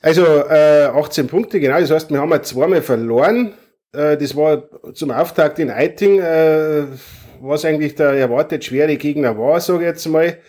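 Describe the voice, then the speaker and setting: A man's voice: a little high, moderate pace, a little mellow. A man, a stadium announcer invited as a guest, talking casually with many fillers and restarts. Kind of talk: casual chat.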